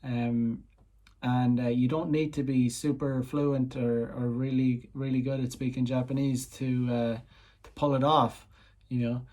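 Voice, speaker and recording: A man's voice: mid-range voice, level tone, a little slow, a little mellow. A man from Ireland, talking casually and rambling with many fillers as he gives dating tips and translates simple Japanese phrases. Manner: rambling, heavy on "you know" fillers; slips in basic Japanese phrases and translates them. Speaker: dating coach. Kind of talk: casual explanatory vlog talk.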